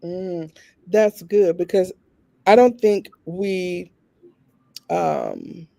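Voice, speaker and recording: A man's voice: high voice, vocal fry, warm tone, dry recording. A man co-hosting a talk show, asking questions and responding with short acknowledgments. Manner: asks questions, fills in with quick acknowledgments. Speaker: podcast co-host.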